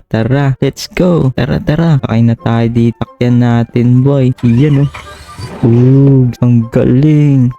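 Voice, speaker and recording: Excitable man doing casual game commentary. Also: mid-range voice, vocal fry. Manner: chatty, keeps saying "boy" and "tara, tara", excitable. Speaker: gaming YouTuber. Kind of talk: casual Minecraft let's-play commentary. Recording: slightly dull lo-fi voice with game music behind.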